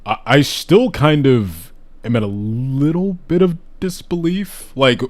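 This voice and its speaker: A man's voice: mid-range voice, expressive, a little slow. A man hosting a casual live podcast chat, talking enthusiastically and rambling with restarts, hiccuping now and then. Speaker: host.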